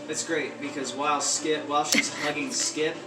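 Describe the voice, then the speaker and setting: Player guy jumping in w/ his moves, kinda high voice, noisy far-off mic. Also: little pitch movement, normal speed, roomy sound. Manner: eager, cuts in to describe his moves. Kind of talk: playing a tabletop game.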